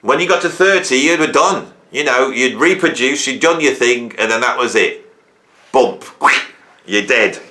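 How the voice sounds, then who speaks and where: A man in his fifties talks to camera on his own for his YouTube music channel, his medium-pitched voice pushed and bright at a moderate pace. The talk is reflective and wandering, full of self-questioning and points capped with "right?".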